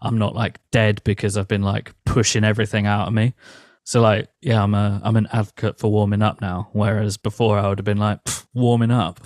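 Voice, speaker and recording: A man's voice: lowish voice, little pitch movement, fairly quick, darkish tone, no room sound, clean studio sound. A young man, a metal band's vocalist, talking casually as a guest and filling his speech with "like". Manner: rambling, heavy use of "like", laughs easily. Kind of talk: casual interview chat.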